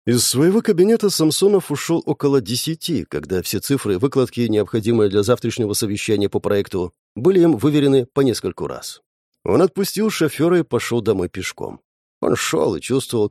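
A man reading a novel aloud in an expressive, dramatic storytelling manner. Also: medium pitch, no echo, clean studio sound. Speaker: reader. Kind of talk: literary reading.

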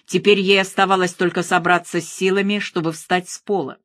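Lady reading a thriller audiobook, kinda low voice, steady pace, super dry close mic. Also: brisk, no echo. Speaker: audiobook narrator. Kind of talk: scripted thriller narration.

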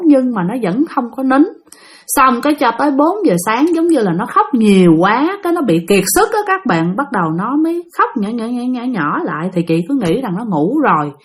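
A woman telling a spooky real-life story and talking straight to her listeners. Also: on the high side. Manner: animated, talks straight to listeners.

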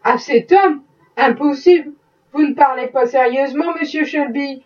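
A woman's voice: sits high, normal speed, darkish tone, lightly acted. A woman reading the part of a pious, indignant plantation wife, pleading in earnest. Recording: muffled, distant mic.

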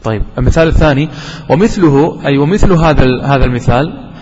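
A man's voice: a little high, animated, fast talker, a little mellow, slightly rough. Man teaching grammar in an echoey hall. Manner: asks questions and answers them himself, repeats key words. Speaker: sheikh teaching Arabic grammar. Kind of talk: classroom lesson explanation. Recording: dull lo-fi recording with long hall reverb.

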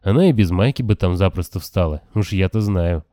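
A man reading a novel aloud in calm, even first-person audiobook narration. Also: deep voice, a little fast, no room sound, clean studio sound. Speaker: audiobook reader. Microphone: close, dry home recording.

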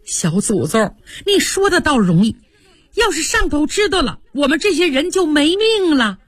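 Brief: woman as fearful young maid, high and urgent. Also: sing-song, moderate pace, dry recording. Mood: worried.

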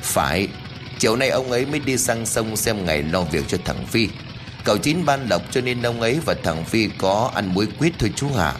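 A man's voice: fairly low pitch, expressive, normal speed, over music, natural voice. A man voicing a worried older village woman who grumbles anxiously. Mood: fretful.

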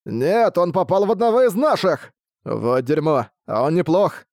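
A man voicing small cowardly bat minions in an audiobook, shrill, boastful and panicky. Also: sing-song, moderate pace, darkish tone, no echo, clean studio sound. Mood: shrill boasting. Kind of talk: audiobook reading.

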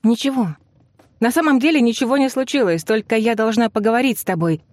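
A man's voice: very high-pitched, fairly quick, no echo, voice pushed up. A man reading an audiobook, voicing an anxious, flustered young woman who chatters breathlessly. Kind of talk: audiobook character voice.

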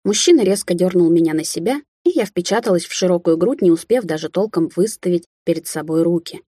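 Woman reading an audiobook, low dark husky voice, dry close sound. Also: expressive, a little fast, dry recording. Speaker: audiobook narrator. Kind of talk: first-person audiobook narration.

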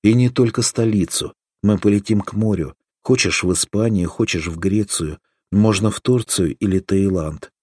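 A man reading a modern man's lines in an audiobook with a dry, deadpan manner. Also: fairly low pitch, normal speed, few pauses, breathy edge, dry recording. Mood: wry.

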